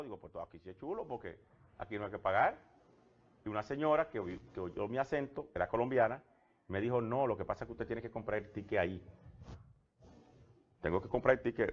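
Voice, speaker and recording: On a conversational TV interview, a Dominican government labor official shares personal anecdotes, often restarting his sentences. He has a Dominican Spanish accent and a mid-range voice, and the audio is dull.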